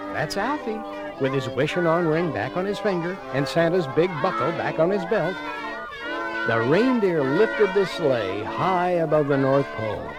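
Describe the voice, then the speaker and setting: On this 1980 vinyl read-along record with music, a high-pitched male narrator tells a children's story with animated, theatrical drama. The recording quality is low.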